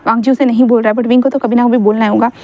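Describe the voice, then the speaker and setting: Retelling her own story in a loose, talkative way, a young woman keeps stopping to fix what she just said. She has a mellow, soft, somewhat high voice, an even tone, and a racing pace, captured in dull audio.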